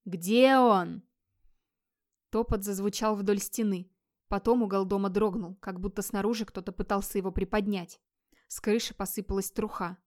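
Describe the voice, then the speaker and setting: A woman's voice: mid-range voice, flat delivery, brisk, dark tone. Woman narrating a tense fantasy audiobook.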